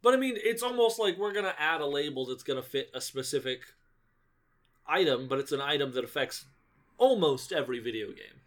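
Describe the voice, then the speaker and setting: A man's voice: on the high side, animated, a little fast. A man co-hosting a casual gaming podcast, easygoing and explaining details as he chats. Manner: easygoing, laughs along, explains game details. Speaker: podcast co-host. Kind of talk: casual chat.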